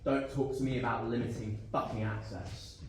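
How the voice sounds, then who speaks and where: A young man acting a bitter, furious husband live on a theatre stage, sarcastic and often shouting. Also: medium pitch, steady tone, moderate pace, lightly acted. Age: young adult. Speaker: student actor. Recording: echoey stage from far off, faint noise.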